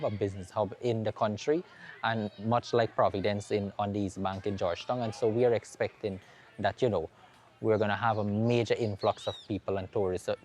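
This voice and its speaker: Low-voiced Guyanese man outdoors. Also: a little mellow, a little hiss or hum. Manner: earnest, restarts phrases. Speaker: tourism committee president. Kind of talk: interview answer.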